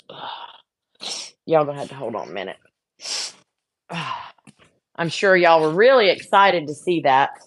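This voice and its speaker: A woman's voice: low voice, dry recording. A woman chatting casually to viewers while she works on a craft project, getting frustrated and talking to herself. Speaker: craft vlogger. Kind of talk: casual chat while working.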